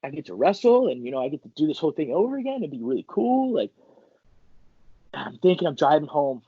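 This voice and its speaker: A young Michigan man, a college wrestler appearing as a guest, tells stories animatedly in a casual interview. His voice is a little high and husky and he talks fast, acting out quotes and using "like" a lot, on a dry, muffled recording.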